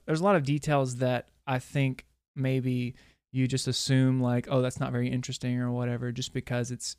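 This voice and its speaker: A man's voice: mid-range voice, darkish tone, smooth, no room sound, studio quality. A man hosting a casual podcast interview, easygoing and teasing, with frequent ums and restarts. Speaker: podcast host.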